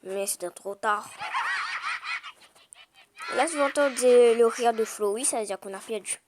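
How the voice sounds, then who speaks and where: A woman's voice: on the high side, unhurried, background noise. A woman commenting casually on her phone game as she plays, explaining with many hesitations and fillers. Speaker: gameplay commentator. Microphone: phone screen recording. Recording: game music behind the voice. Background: game music.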